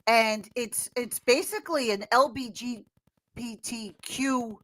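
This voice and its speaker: An American woman giving animated political chat as a podcast guest, fiery and sarcastic, mocking others in squealing voices. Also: a little high, slow, rough recording. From United States. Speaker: podcast guest, social media commentator.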